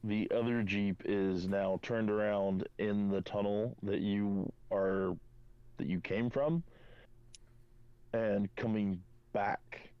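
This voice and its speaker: A man runs a tabletop game in a low, unhurried voice. He halts often with fillers as he describes the scene. The recording is dry and dull, with a lo-fi sound. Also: fairly even intonation, smooth, no echo. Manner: halting, many fillers. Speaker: game master.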